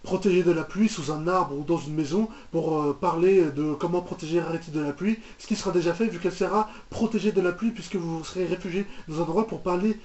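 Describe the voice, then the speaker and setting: Reacting to a cartoon, this male host rambles casually in mock exasperation and frequently repeats himself. His darkish voice is a little high and fairly quick, with hardly any pauses, captured on a roomy, dull lo-fi microphone.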